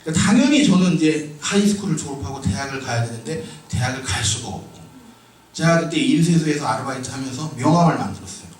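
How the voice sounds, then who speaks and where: A man preaching a sermon with personal testimony, moving from quiet storytelling to shouted emphasis. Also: fairly high pitch, big pitch swings, fast. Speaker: pastor. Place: church sanctuary. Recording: echoey hall from far off.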